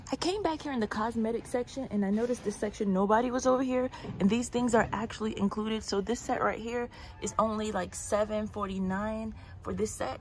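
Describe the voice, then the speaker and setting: A woman recorded on her handheld phone as she walks through a large indoor store, chatting casually to viewers. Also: medium pitch. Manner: chatty, walking while talking, addressing viewers directly. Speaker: shopping vlogger. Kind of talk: casual walk-and-talk store tour. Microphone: phone held in hand.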